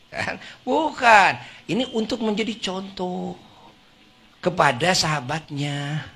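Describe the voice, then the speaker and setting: A man preaching to a women's congregation, acting out little scenes and swinging between soft murmurs and loud exclamations. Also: on the high side. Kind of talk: lively sermon to a women's congregation.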